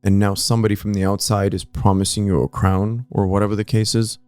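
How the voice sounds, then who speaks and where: A man's voice: on the low side, little pitch movement, fast talker, darkish tone, clean tone, no echo. A man co-hosting a casual history podcast, pressing his argument with pointed questions and often cutting in. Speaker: podcast co-host.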